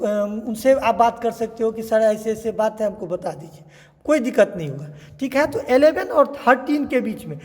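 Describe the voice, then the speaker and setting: A man teaching a slow, patient revision lesson to young children, asking and answering his own questions. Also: very high-pitched, a little mellow. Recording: echoey room with long reverb.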